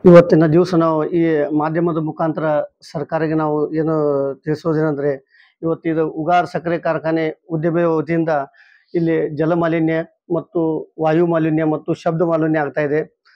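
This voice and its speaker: A middle-aged man, a local resident, making a halting appeal at a press conference with frequent fillers and restarts. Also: fairly high pitch, flat delivery, no echo, highs cut off. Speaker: local resident voicing a complaint. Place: small indoor room, seated among a group.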